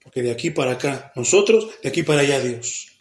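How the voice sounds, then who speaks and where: A Mexican man with a medium-pitched voice and a fast delivery preaches a Bible study sermon in a church hall, speaking with a Mexican Spanish accent. As a pastor, he keeps turning questions on the congregation and answering them himself, acting out the people he quotes and even babbling in mockery.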